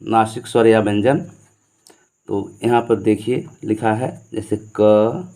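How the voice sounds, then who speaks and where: A man's voice: on the low side, steady tone, slow, mellow. A man teaching grammar to students, who repeats his points and asks questions that he then answers himself. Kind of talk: explaining Hindi grammar to students.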